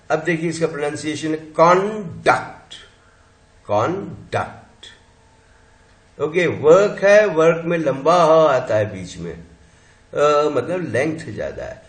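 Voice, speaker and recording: Slow, lively-voiced male linguistics teacher. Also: a little high. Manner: slow and explanatory, spelling out sounds and counting syllables. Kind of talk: classroom lecture. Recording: echoey room sound.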